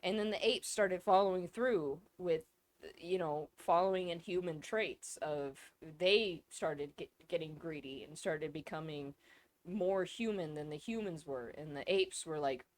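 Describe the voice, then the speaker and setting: A woman co-hosting a casual podcast, rambling and excitable, swearing freely. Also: on the low side, unhurried. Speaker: podcast co-host. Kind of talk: casual chat.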